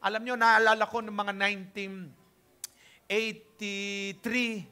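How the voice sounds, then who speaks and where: Bright high-voiced older Filipino pastor. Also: male voice, level tone, takes it slowly, clean tone. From Philippines. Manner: chatty, keeps checking in with the congregation. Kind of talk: conversational sermon.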